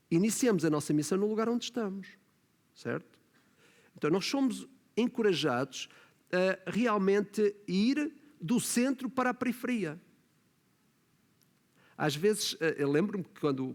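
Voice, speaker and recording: Preaching a sermon in a church hall, this pastor speaks with a European Portuguese accent, frequently using tag questions and climbing to emphatic points. He has a high, darkish voice, and the hall's reverb lingers long.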